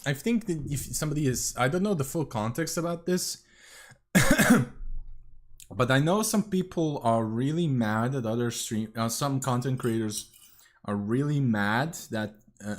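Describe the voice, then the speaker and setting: A man's voice: mid-range voice, moderate pace. Man commenting while chewing food. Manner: talks while chewing, coughs and clears throat. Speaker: commentary host. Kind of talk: casual reaction commentary.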